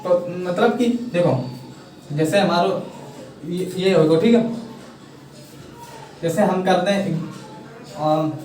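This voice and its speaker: Slowly and with frequent pauses, a young man with a high, slightly mellow voice explains a pronunciation lesson. He's an English teacher with a Hindi accent, often checking that students follow and repeating "thik hai" in a coaxing, encouraging way during this casual classroom explanation. An echoey room places his voice far away.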